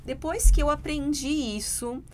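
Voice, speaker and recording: A woman's voice: high voice, measured pace, darkish tone, slight background noise. A Brazilian woman, an English teacher and podcast co-host, chatting casually and explaining with lots of fillers in a Brazilian Portuguese accent.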